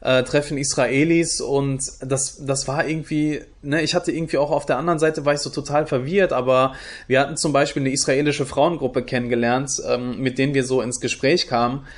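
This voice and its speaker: A young man from Germany talks his way through interview answers, thinking as he goes. He stops often, restarts and fills pauses. His voice sits at a middle pitch. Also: fairly even intonation. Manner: thoughtful, many fillers and restarts. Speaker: guest, youth project leader.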